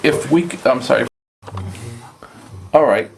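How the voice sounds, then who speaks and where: A man's voice: medium pitch, measured pace, gravelly. A man working as a camera operator, giving casual directions to the people he is filming. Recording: noisy location sound.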